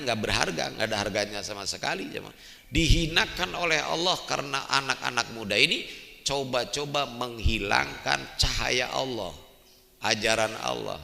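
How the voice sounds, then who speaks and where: An older man preaching a storytelling sermon in a mosque, talking lively and turning to his listeners with "Pak". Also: medium pitch, normal speed, gravelly. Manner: lively, addresses the men as "Pak". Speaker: Islamic preacher. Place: mosque hall. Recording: long echo of a mosque hall.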